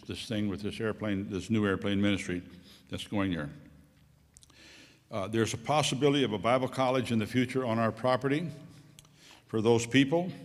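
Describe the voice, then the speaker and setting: A middle-aged man giving a rambling, folksy missionary report to a church congregation, coughing now and then. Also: fairly low pitch. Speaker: missionary pilot. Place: church sanctuary. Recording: long church hall reverb.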